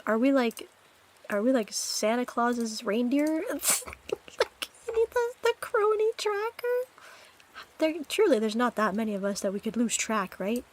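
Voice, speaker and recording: A woman streaming live, chatting with her viewers in a loose, joking way that keeps tipping into giggles. Her voice sits high and bright. She takes her time, letting the words drawl out slowly. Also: sing-song. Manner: playful and giggly, talking to chat. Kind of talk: casual chat with live chat.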